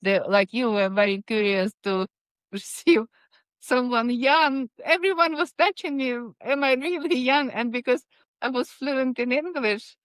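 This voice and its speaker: Ukrainian woman, smooth and measured. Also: sits high, no room sound. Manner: hesitant with many fillers. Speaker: guest scientist. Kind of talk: interview answers, recounting career.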